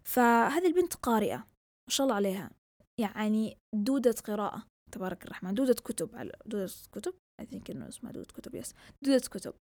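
Lively and quick, this slightly high, darkish-toned voice belongs to a young southern Yemeni woman running her own laid-back podcast. She wanders from topic to topic, moving between Arabic and English with an accent that mixes Yemeni and Saudi Gulf Arabic, and the recording is dry.

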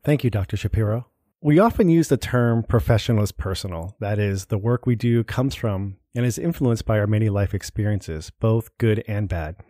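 A man's voice: lowish voice, moderate pace, dark tone, dry recording, studio quality. A man moderating a panel, asking formal questions in a composed way.

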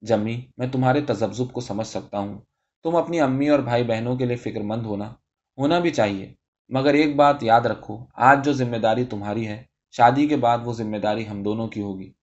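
A man voicing an earnest young man who speaks softly and persuasively to his beloved, on a dull recording. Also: medium pitch, lightly acted. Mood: tender. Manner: soft, affectionate, persuasive. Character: earnest young man, tender and reassuring lover.

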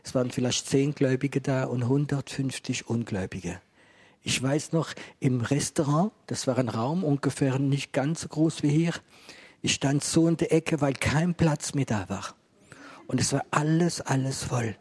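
A man's voice: medium pitch, normal speed, a little mellow, slightly rough. A middle-aged man preaching and telling a testimony to a live audience, acting out dialogue as he goes. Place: room with a gathered audience.

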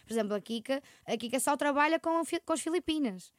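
Young portuguese woman rattling off stories super fast, kinda high voice, dry close mic. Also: expressive, no room sound. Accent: European Portuguese. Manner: rapid, rambling storytelling with frequent laughs. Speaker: podcast co-host. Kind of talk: casual chat.

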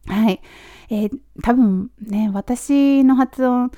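A woman's voice: on the high side, warm tone, no room sound, highs cut off. Chatty Japanese woman teaching English. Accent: Japanese, with Australian-flavored English. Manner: chatty, repeats model phrases slowly. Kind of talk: casual spoken lesson.

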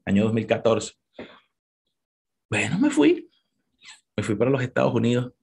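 A man in his thirties with a Venezuelan Spanish accent gives an emphatic motivational talk to an audience, climbing to high passionate peaks, repeating words and speaking straight to the listener. His voice swoops wildly in pitch at normal speed, creaky, darkish and slightly rough.

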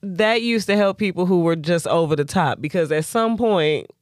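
A woman co-hosting a casual, comic chat, telling things in a playful, animated way. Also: on the low side, normal speed, no echo, studio quality.

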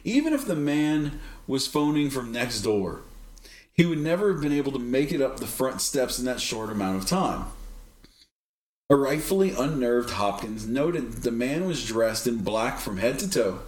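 A man co-hosting a podcast chats casually in a mid-range, animated voice at normal speed, with a reverberant sound. He reads a story aloud, breaking off into jokes and laughter.

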